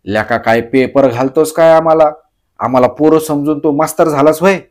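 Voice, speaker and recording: Shrewd old village headman, loud rustic scolding, drawn-out rebukes, read by a man. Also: mid-range voice, close to an everyday voice.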